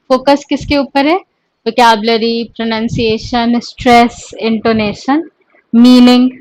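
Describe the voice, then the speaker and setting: A woman with an Indian English accent teaching an exam-prep English lesson, dictating terms slowly and then explaining them in Hindi. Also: a little high, no echo, rough recording. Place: coaching class or studio.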